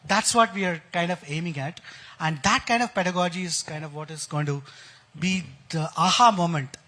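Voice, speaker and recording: Speaking with an Indian accent, a man explains technical ideas as an expert guest in a conference stage interview. He's enthusiastic, drawing on analogies and technical jargon, in a fairly high, bright, forceful voice at a moderate pace.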